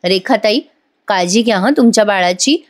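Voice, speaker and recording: A woman voicing a gentle, calm young heroine from a TV serial. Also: medium pitch, moderate pace, close to an everyday voice. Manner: soothing, resigned.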